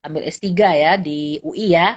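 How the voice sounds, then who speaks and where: A middle-aged woman psychologist and lecturer chatting casually, telling animated anecdotes and often laughing. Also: low voice, moderate pace. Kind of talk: casual storytelling chat. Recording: dull lo-fi recording.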